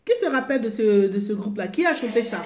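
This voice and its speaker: Fast and animated, this woman has a medium-pitched, slightly mellow voice. Sick with a cold, she runs a live call-in show, chatting informally, hesitating, filling pauses and repeating herself, while music plays in an echoey room.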